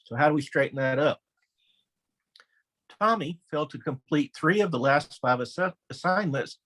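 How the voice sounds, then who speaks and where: A man's voice: animated, normal speed, fairly bright tone, low-quality recording. A middle-aged man, a former elementary principal, presenting a conversational training webinar and acting out quoted voices in anecdotes. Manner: anecdotal, acts out quoted voices with raised pitch.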